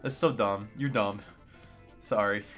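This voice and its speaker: A man's voice: lowish voice, measured pace, a bit bright, soft background music. A man in his late twenties streaming a game, chatting casually, ranting with sarcasm as he answers chat. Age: late 20s. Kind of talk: casual livestream chat while playing a game.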